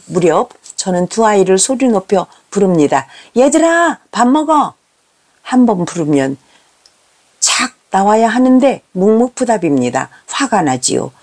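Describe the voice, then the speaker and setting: A woman's voice: mid-range voice, darkish tone. A middle-aged woman, a teacher and mother, giving a confessional storytelling talk and asking the audience rhetorical questions.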